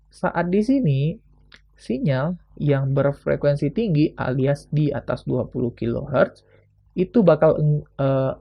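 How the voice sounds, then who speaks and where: A man's voice: on the high side, gravelly, lo-fi sound. A young man from Indonesia giving a casual explanatory lesson as a student presenter, thinking aloud with frequent fillers.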